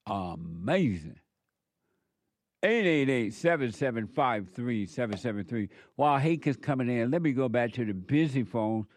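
A man with a smooth radio host delivery, hosting a call-in talk show and slowly repeating phone numbers for listeners. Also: mid-range voice, expressive, dry recording.

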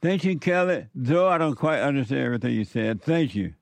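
Gravelly male host preaching slowly. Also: medium pitch, expressive, dry recording. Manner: slow, emphatic preaching with repeated phrases. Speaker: talk show host. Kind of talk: call-in and viewer-message talk.

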